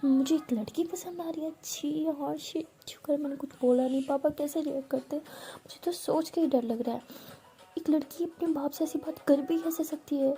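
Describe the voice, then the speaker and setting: A woman's voice: high-pitched, fairly even intonation, moderate pace, mellow, pitched above the performer's own voice. A woman voicing an anxious young female college student who stammers when nervous. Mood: embarrassed. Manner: stammering, panicky.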